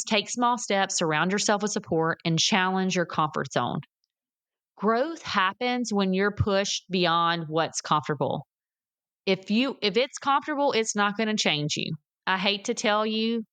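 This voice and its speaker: A woman's voice: medium pitch, fairly bright tone, smooth. Middle-aged woman, lilt, solo motivational podcast host, emphatic and cheering, clean resonant tone. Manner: encouraging, emphatic, addresses listeners as "guys" and "y'all".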